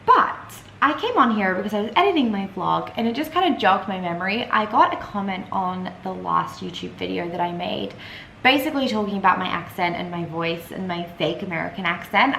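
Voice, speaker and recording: A young woman with a soft Edinburgh Scottish accent blended with Australian, chatting casually to her phone camera in a rambling vlog style. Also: mid-range voice, lively intonation, a little fast, vocal fry, echoey room, slight background noise, poor audio. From Scotland, raised partly in Australia. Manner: chatty, rambling, frequent "like" and "you guys". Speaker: vlogger.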